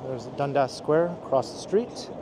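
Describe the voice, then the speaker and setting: A man's voice: mid-range voice, lively intonation, normal speed. A man giving casual walking tour commentary outdoors on a busy city street. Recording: clear outdoor street noise. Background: city traffic and street noise.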